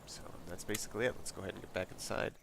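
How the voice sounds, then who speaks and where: Rapid-fire and gravelly, a lowish male voice narrates a casual walkthrough of a flight sim checklist. The streamer sounds congested and relaxed, rambling and reading out every item, with a desk mic picking him up in a noisy home setup.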